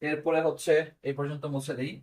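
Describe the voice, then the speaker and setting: A man with a Bangladeshi Bengali accent teaches a class. His voice sits a little high for a man. He goes through each point step by step, puts questions to his students and answers them himself. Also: flat delivery, quick pace, darkish tone. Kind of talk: classroom lesson on pronunciation.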